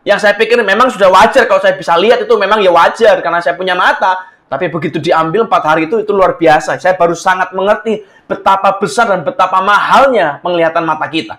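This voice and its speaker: A man with a high, light voice, preaching a sermon to his congregation. He talks in an easy, conversational way and mixes English phrases into his speech. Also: quick pace, fairly bright tone. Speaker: pastor.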